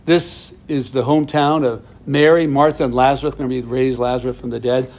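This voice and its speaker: A man's voice: medium pitch, fairly even intonation, fairly quick, darkish tone. A middle-aged man teaching a verse-by-verse Bible study, explaining each passage plainly with asides to his viewers.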